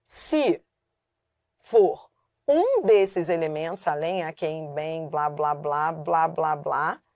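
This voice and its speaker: A woman's voice: on the high side, a little mellow, dry recording, studio quality. A woman teaching a grammar lesson for exam preparation. She explains patiently, repeats points and stresses key syllables. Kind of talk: online exam-prep lesson.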